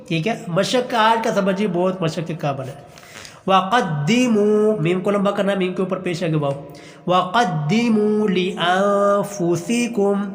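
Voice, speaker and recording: High-voiced man teaching Quran recitation. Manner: slow drawn-out recitation between quick explanations; patient, repeats and urges practice. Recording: echoey room with long reverb.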